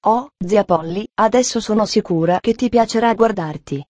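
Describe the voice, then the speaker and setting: A woman reading an audiobook, voicing an eager, earnest little girl in a soft, pleading way. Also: medium pitch, normal speed, dry recording, natural voice.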